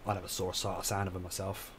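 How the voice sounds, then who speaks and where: A man with a low voice talks through a game he is streaming, rambling and stopping to correct himself. He sounds tired, his voice staying flat and level as he explains each move. A faint background hiss runs under his voice. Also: racing. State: tired, yawning. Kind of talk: casual live gameplay commentary.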